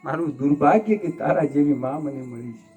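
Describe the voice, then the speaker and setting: A man's voice: fairly high pitch, brisk, warm tone, faint music behind, lightly acted. A man voicing a young grieving prince who reproaches himself with tearful, impassioned pleading. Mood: anguished.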